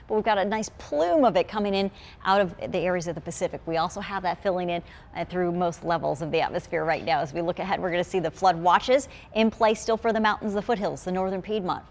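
A middle-aged woman, a TV meteorologist, presenting a weather forecast in a studio, brisk and explanatory as she points along the maps. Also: mid-range voice. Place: TV studio in front of a weather wall.

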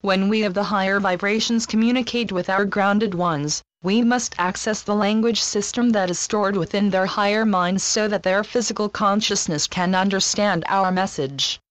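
A woman narrating a scripted guided meditation in a slow, soothing spiritual-guide manner with deliberate pauses. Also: mid-range voice, no room sound.

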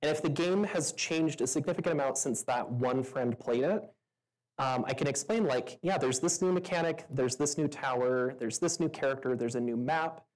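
On stage before an audience at a meetup, a woman with a very deep, darkish voice answers questions at a moderate pace. She's casual and chatty, full of fillers and frequent laughs, and the recording quality is low.

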